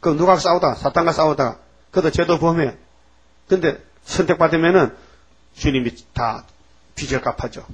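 A male pastor preaching a folksy sermon, prodding the congregation and acting out shouted rebukes in character. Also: on the high side, moderate pace, long pauses, husky. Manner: acts out shouted rebukes of Satan. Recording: dull lo-fi recording.

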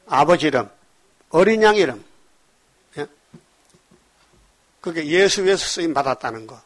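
Preaching with emphasis, a male pastor throws rhetorical questions at his congregation. His voice sits high, and he moves back and forth between loud urging and quiet side remarks.

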